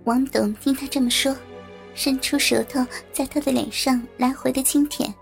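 A woman reading a story aloud as narrator, in a steady, even storytelling manner. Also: high voice, moderate pace, gravelly, faint music behind.

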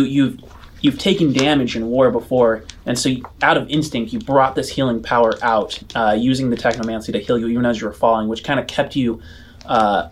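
A man's voice: mid-range voice, a little hiss or hum. A man narrating as game master of a tabletop game, rambling with many fillers and restarts.

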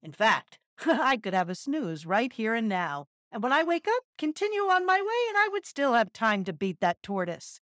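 A woman's voice: sing-song, moderate pace, hardly any pauses, a bit bright, no echo, clean studio sound. A woman voicing a proud, boastful male hare who mocks and laughs at the others. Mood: smug. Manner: high squeaky taunting voice with laughs.

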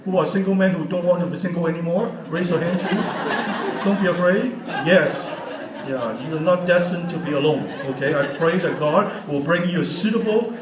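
A man's voice: a little high, moderate pace, a crowd in the background. Earnest sixty-year-old man in an echoey hall. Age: 60s. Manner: earnest, unscripted, asks the audience questions. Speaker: guest speaker. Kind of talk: church teaching talk. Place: church hall. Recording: roomy hall audio from a distance.

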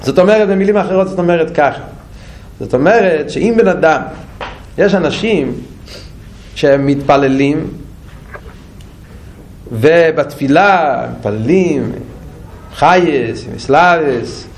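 A high-pitched man gives a Torah class. He keeps asking questions and repeating himself, swinging from a raised, urgent tone to a low, quiet one. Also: a little hiss or hum. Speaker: Torah teacher.

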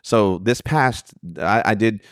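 Low-voiced man telling comedy road stories. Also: slow pace, dry recording, studio quality. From Sacramento area. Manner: animated storyteller, acts out quotes, swears freely. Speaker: comedian guest. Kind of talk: casual podcast storytelling.

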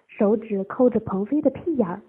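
A woman narrating an adult audio story in a steady reading voice. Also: medium pitch, moderate pace, breathy edge. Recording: tinny phone-like lo-fi audio.

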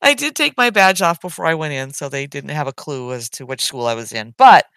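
Animated, chatty middle-aged woman. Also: low-pitched, brisk, clean tone, no echo. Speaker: podcast co-host. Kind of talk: casual chat.

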